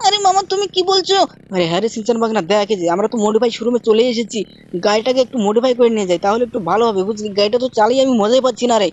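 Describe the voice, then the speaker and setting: A woman hosting a gaming channel, narrating her play with rapid, bossy banter in an uncle role. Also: on the high side, a little mellow, highs cut off, slight background noise. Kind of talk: game role-play commentary.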